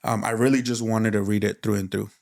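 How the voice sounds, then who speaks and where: A man co-hosting a podcast, talking in a relaxed, candid way and laughing easily. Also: on the low side, fast, creaky. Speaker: podcast co-host. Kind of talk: casual podcast chat.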